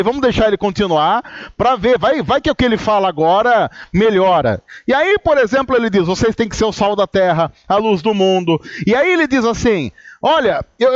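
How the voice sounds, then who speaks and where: A man's voice: high-pitched, no echo, highs cut off. A man from Brazil, a pastor giving a humorous, conversational sermon and acting out his own inner dialogue.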